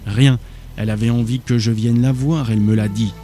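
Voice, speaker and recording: A man's voice: mid-range voice, fairly even intonation, a little fast, warm tone, faint music behind, natural voice. A man voicing a terrified wounded young man who has been clawed and blinded, pleading frantically. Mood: frantic.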